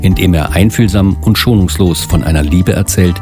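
A man's voice: sits low, normal speed, music in the background. A man announcing a literature podcast, reading a formal scripted introduction of the author.

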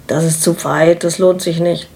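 A woman's voice: fairly low pitch, little pitch movement, moderate pace, creaky, a little mellow. A woman reading the lines of a laid-back, distracted middle-aged husband, speaking in a dry, matter-of-fact way. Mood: offhand.

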